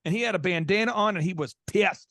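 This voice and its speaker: High-voiced animated male storyteller. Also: fast, no echo, studio quality. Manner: animated storyteller who acts out quotes. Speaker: guest speaker and event organizer. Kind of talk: casual podcast conversation.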